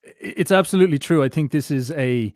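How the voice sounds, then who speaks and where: A man's voice: fairly high pitch, quick pace, a little mellow, no room sound, studio quality. Rambling, musing male podcast host. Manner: rambling, musing, many fillers. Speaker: interview host. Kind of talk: casual interview talk.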